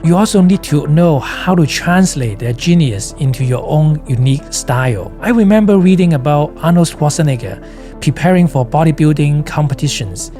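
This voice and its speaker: Mellow man with a Cantonese accent. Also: on the high side, lively intonation, moderate pace, soft background music. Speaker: photography educator. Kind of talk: scripted instructional narration.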